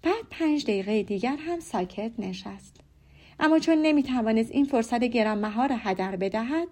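A woman narrating a classic novel as an audiobook in a calm, measured storytelling manner. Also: on the high side. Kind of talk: scripted narration.

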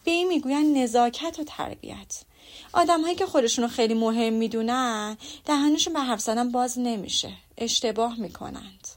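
A woman's voice: fairly high pitch, natural voice. A woman reading an audiobook, voicing a fussy, boastful middle-aged mother who gushes and prattles. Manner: gushing and prattling.

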